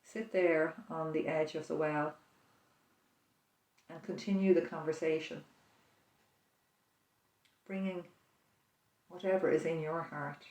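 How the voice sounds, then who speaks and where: In a room full of echo, recorded from a distance, a prayer leader slowly walks listeners through a peaceful imagined scene. The mid-range voice stays gentle and even, pausing often to reflect.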